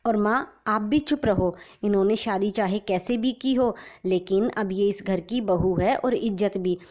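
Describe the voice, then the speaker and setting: A woman voicing a cheerful, kind young sister-in-law in a storybook tale, welcoming and lively. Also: mid-range voice, unhurried, natural voice. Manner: bright and welcoming.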